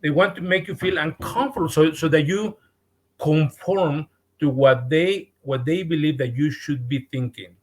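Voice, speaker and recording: In this podcast interview, the guest is a man with a fairly high pitch and a Mexican accent. His delivery is sincere yet hesitant, with frequent restarts where words get repeated.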